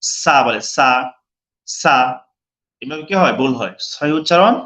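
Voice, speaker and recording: A male teacher giving an online lesson on how to pronounce letters, slowly and patiently repeating each sound and sometimes chanting it drawn out. He speaks with a Bangladeshi Bengali accent. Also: on the high side, animated, a bit bright. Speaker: Quran recitation teacher.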